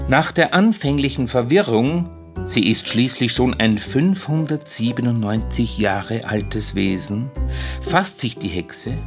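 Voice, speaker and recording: A man narrating a scripted children's audio play in a dramatic, expressive storytelling manner. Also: mid-range voice. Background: music.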